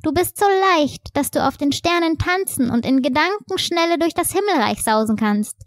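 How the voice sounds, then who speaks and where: A woman voicing an excitable, childlike little soul in a storybook reading. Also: high voice, moderate pace, dry recording, clean studio sound, pitched above the performer's own voice. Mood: wondering. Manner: breathless, wide-eyed questioning.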